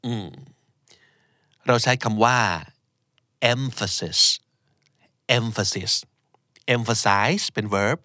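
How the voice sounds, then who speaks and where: Patient man teaching vocabulary slowly. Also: fairly low pitch, pushed and bright, no echo, studio quality. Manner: patient, explains words slowly and repeats them. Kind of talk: casual vocabulary lesson.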